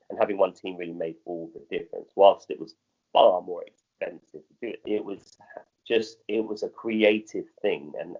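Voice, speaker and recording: In a lo-fi recording, a middle-aged theatre director with a modern British accent responds to interview questions conversationally. He speaks haltingly in a low-pitched voice, frequently repeating and rephrasing himself.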